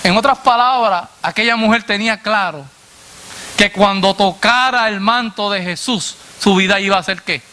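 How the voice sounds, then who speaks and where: A man preacher delivering a sermon to a congregation, asking "what?" and answering himself in a lower voice, addressing listeners as brother. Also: moderate pace, bright, forceful tone, slight background noise. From Latin America. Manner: call-and-response questions, dropping low on the answer.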